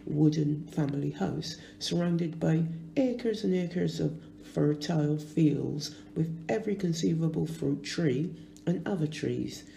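A woman in her sixties from Barbados, reading a funeral tribute in a slow, measured, fond way in a church. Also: sits low, creaky, mellow, a little hiss or hum. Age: 60s. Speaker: eulogist.

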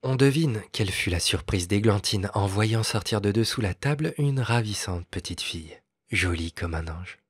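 A man narrating a classic fairy tale as an audiobook, with a measured, expressive reading. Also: fairly low pitch, husky, no room sound, studio quality. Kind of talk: storybook narration.

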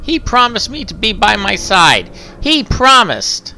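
A man voicing a frightened, pleading little girl in a game let's-play, high and shrill as if close to tears. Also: wildly swooping pitch, a little slow, creaky, bright, forceful tone, slight background noise, exaggerated voice.

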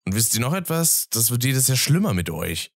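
A man's voice: mid-range voice, very animated, moderate pace, no echo, clean studio sound. A man voicing a joking, teasing young wizard in a fan audio drama. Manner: teasing, laughing, sulky.

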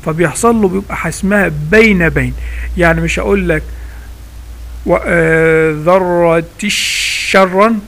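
Egyptian man teaching, gravelly high voice. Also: normal speed, long pauses, a bit bright. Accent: Egyptian Arabic. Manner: explains step by step, asks himself questions and answers them. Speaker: Quran recitation teacher. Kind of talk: informal spoken lesson.

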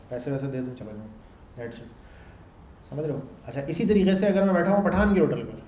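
A man teaches a class in a loud, conversational way, often stopping to check that students are following. His voice sits a little high but sounds mellow and dark. The recording carries the echo of a classroom, with faint noise behind him. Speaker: lecturer. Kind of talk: classroom lecture. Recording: echoey room with faint background noise.

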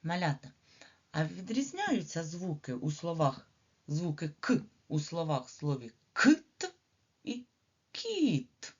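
Slow, sing-song woman teaching small children. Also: low-pitched, big pitch swings, slightly rough. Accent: Ukrainian. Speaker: preschool teacher. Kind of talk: early literacy lesson for small children. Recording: slightly dull lo-fi recording.

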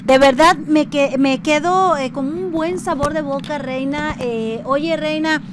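Over a noisy background, a high-voiced woman talks a little slowly as she hosts a conversational radio interview. She's effusive, and her hesitant phrasing keeps circling back through repeated words.

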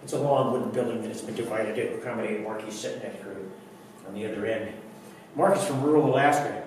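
A man's voice: on the low side, darkish tone, recorded from a distance. Guy doing a dry, wry poetry reading, mic way back, big echoey room, some background hum. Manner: wry, measured storytelling with dry humor. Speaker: poet reading his work. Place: public library reading.

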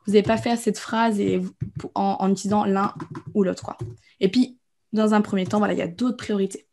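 Young adult female English teacher, casual and encouraging, mellow voice. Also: medium pitch, steady tone, fairly quick, vocal fry. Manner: casual, encouraging, chatty explanations. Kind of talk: live online English lesson.

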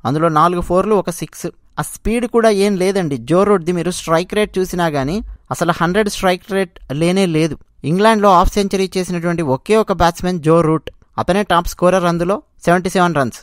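A cricket channel host delivers cricket commentary, recapping play in a conversational, emphatic way. The voice sits at a middling pitch and speaks straight to listeners. The sound is dry, with little room around it. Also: fairly quick, no echo.

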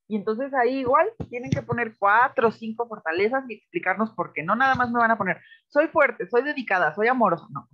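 A woman's voice: medium pitch, no room sound, dull audio. A woman teacher with a Mexican accent giving patient, explanatory feedback in an online class, often checking that the students follow. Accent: Mexican Spanish.

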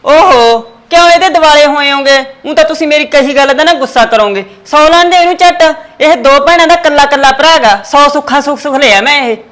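A woman's voice: high-pitched, fairly quick, few pauses, a bit bright. A woman playing an anxious, protective mother who defends her son and worries about her mother-in-law in a family drama. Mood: fretful. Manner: fretful, defensive.

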